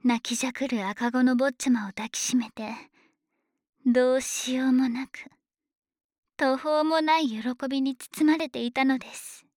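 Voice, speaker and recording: Speaking right up against the microphone in a dry studio, a woman performs a possessive, obsessive female dragon maid for a Japanese ASMR situation drama. Her high, steady, near-everyday voice is breathy and whispery, and her slow, honorific servant speech comes across as doting, gloating, softly teasing and menacing.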